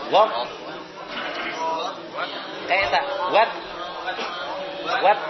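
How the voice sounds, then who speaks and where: A man teaching Quran recitation, giving short repeated corrections and modeling sounds for students. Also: high-pitched. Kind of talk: correcting students' pronunciation in class. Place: classroom with students. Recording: muffled classroom recording, group audible.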